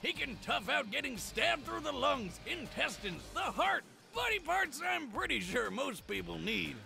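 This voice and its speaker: A brash, excitable action-show co-host acted by a man, pitched very high for a male voice and full of gravel. He delivers crude, slangy comic commentary with lively swings, over clear background music. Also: a little slow, heavily acted. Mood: joking, hyped.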